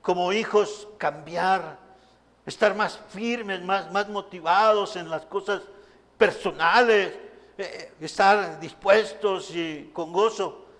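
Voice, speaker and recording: Guy preaching, fairly high voice, really emphatic, big church reverb. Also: slow, fairly bright tone. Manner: emphatic preaching, calls out to the congregation. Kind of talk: sermon.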